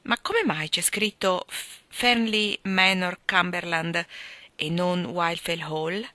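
A woman reading the lines of an impulsive young gentleman, earnest and slightly impatient. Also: on the low side, steady tone, slow pace, dry recording.

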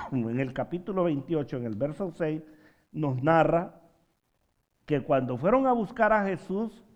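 A man's voice: on the high side, darkish tone, lo-fi sound. A man preaching a sermon, posing rhetorical questions to the congregation and dropping in humorous asides. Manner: rhetorical questions with frequent "¿verdad?" tags.

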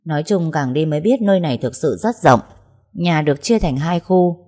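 A woman's voice: low voice, animated, moderate pace, mellow. A woman narrating a first-person audio story in a tender, emotional storytelling manner.

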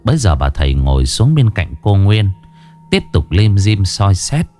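A man narrating a ghost story in a lively, expressive way. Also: on the low side, moderate pace. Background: faint background music.

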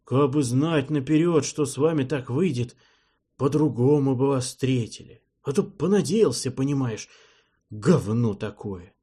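A man's voice: mid-range voice, a little slow, mellow, husky. A man voicing an older male criminal boss who talks in shrewd, cocky street slang in an audiobook. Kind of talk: audiobook character voice.

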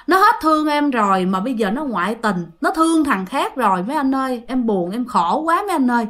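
A man's voice: extremely high pitch, sing-song, a little fast, sharp tone, heavily acted. A woman voicing a drunk, grieving man who pleads tearfully about his wife during a spoken ghost story.

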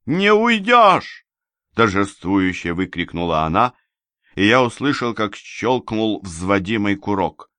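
A man reading a first-person novel aloud as an audiobook narrator, measured and dramatic. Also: deep voice, a bit bright, no echo, clean studio sound.

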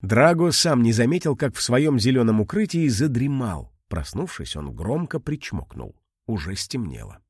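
A man reads a children's fairy-tale audiobook in an expressive storytelling manner. His pitch moves a lot, and the recording is dry and close with no room sound. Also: moderate pace, hardly any pauses, husky, no room sound. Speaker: narrator.

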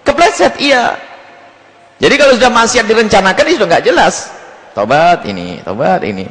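Pengkhotbah pria bersuara tinggi dan hidup. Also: male voice, sits high, fairly quick, big-room sound, poor audio. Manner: animated, acts out dialogues and jokes. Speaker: Islamic preacher answering questions. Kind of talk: sermon answering a question.

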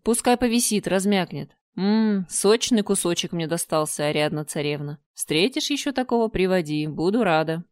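A woman's voice: lowish voice, expressive, normal speed, few pauses, no echo, close to an everyday voice. Lady reading as a mocking old spider-woman, murmury and smacking, dry close sound. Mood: smug. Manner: murmuring, sly, clicking and smacking. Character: ancient female spider monster, grumbling, mocking. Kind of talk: audiobook reading.

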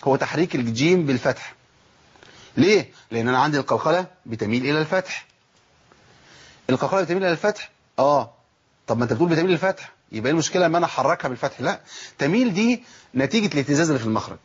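A tajweed lesson comes from a Quran recitation teacher whose voice is a little high with a breathy edge, heard in a muffled recording. With his Egyptian accent, he teaches fast and animatedly, quizzing himself and demonstrating letter sounds.

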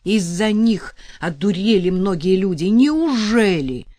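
A woman's voice: medium pitch, lively intonation, slow, dark tone, dry recording, studio quality. A woman reading an audiobook and voicing a frightened young woman who pleads agitatedly. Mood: pleading.

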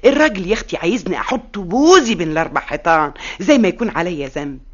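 A woman's voice: fairly low pitch, expressive, rapid-fire. A woman playing a gossipy Egyptian aunt complaining about her husband, in an old radio comedy sketch, with an Egyptian accent. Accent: Egyptian Arabic. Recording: dull archive radio recording.

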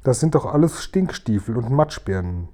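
A big friendly giant out of a storybook, slow and grumbling, muddling his words in a soft, mellow voice, as a man reading aloud puts him on. He talks plainly and a little gloomily. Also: mid-range voice, big pitch swings. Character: gentle mumbling male giant, mixes up words.

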